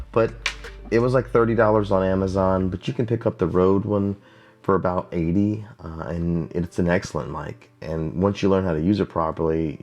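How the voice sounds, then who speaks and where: A YouTube creator teaching video basics speaks in a very low, deep, darkish voice, walking through a casual tutorial plainly and often repeating himself for emphasis. He sits at a home desk using a lav mic, first wired and then wireless, with faint music in the background.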